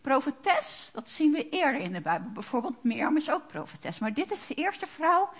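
A woman's voice: high voice, very animated, normal speed, muffled recording. A woman preaching a sermon, asking the congregation rhetorical questions.

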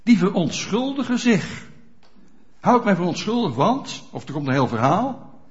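A pastor preaching a sermon in a church, speaking straight to the congregation with frequent rhetorical questions. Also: male voice, high voice, moderate pace. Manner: animated, addresses congregation directly with rhetorical questions. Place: church hall. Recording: dull lo-fi church recording.

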